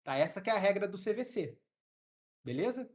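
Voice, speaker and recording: A woman's voice: mid-range voice, very animated, fairly quick. A woman from Brazil teaching English grammar to developers in a live online class, explaining rules step by step and checking in with her students. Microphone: headset.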